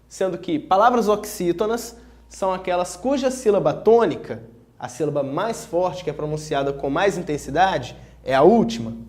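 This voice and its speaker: A man with a light, high voice gives an online grammar lesson. He talks in a clear, didactic way, slowing down to lay out each example word for the learner. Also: darkish tone. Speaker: Portuguese teacher.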